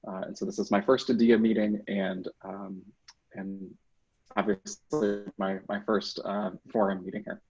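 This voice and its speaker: A man introduces himself earnestly over a video call, pausing often with fillers. His voice is low and husky. The call audio sounds dull and muffled. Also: level tone, darkish tone. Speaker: clinical psychologist.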